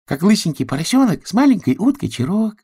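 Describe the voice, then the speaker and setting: A man's voice: high voice, sing-song, fast, warm tone, slightly rough, pitched above the performer's own voice, heavily acted. A man voicing a small young male duck, eager and chirpy, in a storybook reading.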